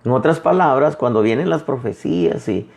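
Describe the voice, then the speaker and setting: A male pastor preaching a sermon in a conversational way, often calling his listeners brother and retelling conversations in lively quoted voices. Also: mid-range voice, moderate pace, gravelly.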